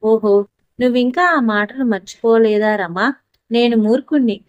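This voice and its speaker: A woman voicing a middle-aged husband, irritable at times and pleading at others, in a lowered, hushed voice, for an audio story. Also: no echo, highs cut off, lightly acted.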